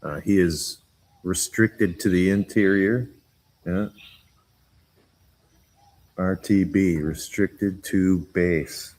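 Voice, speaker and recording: Deep-voiced, giggly, rambling man. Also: fairly even intonation, very slow, pauses often, a little mellow. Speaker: vlogger. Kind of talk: casual chat. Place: outdoors on a jungle farm.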